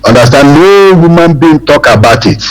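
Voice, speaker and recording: A man from southeastern Nigeria calling in to a radio show over the phone. He speaks haltingly, repeats himself, and keeps checking that he can be heard. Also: on the high side, lively intonation. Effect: phone call heard over the air. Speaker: caller. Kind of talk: call-in radio comment. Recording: faint, distant phone line.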